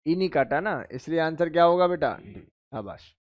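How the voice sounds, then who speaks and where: A man teaching chemistry exam prep to students, who calls them beta and bhai, counts positions out loud in a drilling rhythm and answers his own questions. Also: fairly high pitch, expressive, moderate pace.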